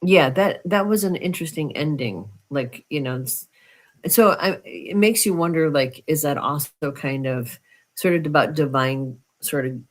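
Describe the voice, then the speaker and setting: A woman's voice: low voice, normal speed. A woman in a casual podcast chat about movies, reflective and hedging, with many fillers and frequent agreement. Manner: agreeable, affirms often. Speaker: podcast co-host.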